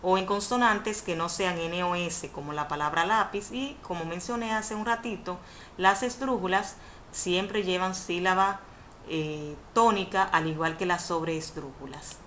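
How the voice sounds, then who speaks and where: Lecturing a little slowly on Spanish spelling, this low-voiced, fairly bright-toned facilitator from the Dominican Republic leads a university webinar from indoors via video conference. She repeats definitions in a didactic way and fixes slips with "perdón," over faint background noise.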